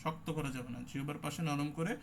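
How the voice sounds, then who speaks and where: Man, fairly high voice, recitation teacher, demonstrates sounds, keeps asking if it's clear, faint hiss behind. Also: steady tone, fast talker. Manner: explanatory, demonstrates sounds and checks in often. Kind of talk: online tajweed class.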